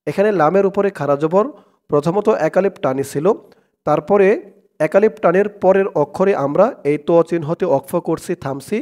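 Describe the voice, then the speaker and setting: A man teaching Quran reading, chanting verses slowly syllable by syllable and then explaining pronunciation rules plainly. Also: fairly high pitch, a little mellow. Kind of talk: slow recitation lesson, syllable by syllable.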